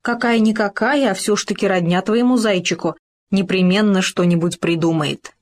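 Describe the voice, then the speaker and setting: A woman's voice: mid-range voice, fairly even intonation, moderate pace, natural voice. A woman voicing a cautious, dignified male gopher in a children's story, speaking earnestly and proudly.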